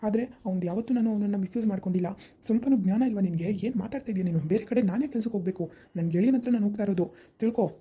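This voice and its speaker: A loyal, stern husband who scolds his angry wife in rapid bursts, as a woman acts him out. The voice is dark and very husky, and the words tumble out fast. This is an amateur village drama. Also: medium pitch, lightly acted. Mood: scolding. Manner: scolding, pleading, fast and insistent. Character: grown man, loyal friend, stern husband.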